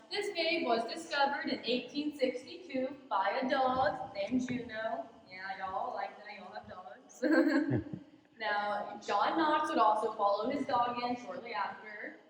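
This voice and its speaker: A woman's voice: fairly high pitch, noisy background. Woman tour guide in a cave echo. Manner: upbeat, drawn-out explaining with lots of "y'all". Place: inside a large cave. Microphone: far off from the filming camera. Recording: echoey cave from far off, tour group around.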